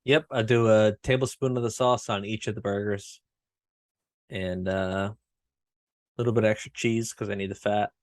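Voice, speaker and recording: A man's voice: fairly low pitch, fairly even intonation, a little slow, long pauses, no room sound. A man co-hosting a casual podcast, blunt and self-mocking, swearing easily. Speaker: podcast co-host. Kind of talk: casual chat.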